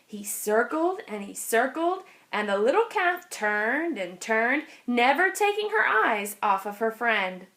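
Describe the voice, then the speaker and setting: Expressively narrating a children's picture book, a woman speaks with a high-leaning voice, a bit slowly, and barely pauses.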